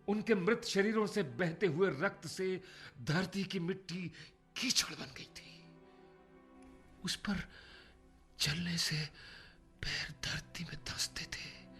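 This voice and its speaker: A remorseful emperor in a radio play, speaking slowly and solemnly. His fairly high voice swings widely in pitch, with theatrical pauses and a brooding weight. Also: creaky, a bit bright, heavily acted. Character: remorseful, brooding Indian emperor, once feared for his rage. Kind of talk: Hindi radio drama acting.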